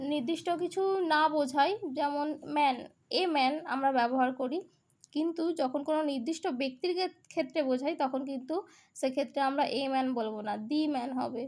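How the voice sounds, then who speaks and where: Woman teacher, high voice, patient step-by-step grammar explanations. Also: a little mellow. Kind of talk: grammar lesson.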